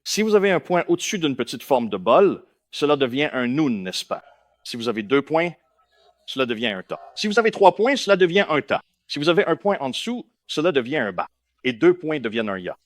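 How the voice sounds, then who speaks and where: Male lecturer, animated pitch, keeps asking the room if they follow. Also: brisk, dry recording. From India. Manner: keeps checking in with listeners, questioning and emphatic. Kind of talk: lecture to a live audience.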